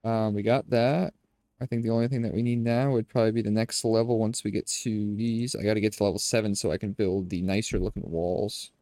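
In a brisk, fairly low, nasal voice with no echo, a young gaming streamer casually talks viewers through his play over a headset. He keeps it relaxed, calls them "boys," and is indoors in a home room.

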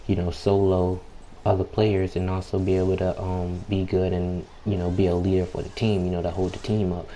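Recorded at low quality on a home mic with background noise, this young adult gaming YouTuber sits at home late at night with others around. His voice is deep, low, and subdued, his delivery extremely flat and unhurried, full of slang, "you know" fillers, and repeated throat-clearing.

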